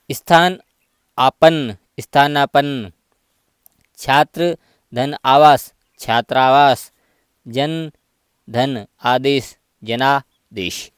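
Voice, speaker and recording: A man's voice: on the high side, smooth, dry recording, studio quality. A man teaching a grammar lesson, patiently spelling out examples one by one.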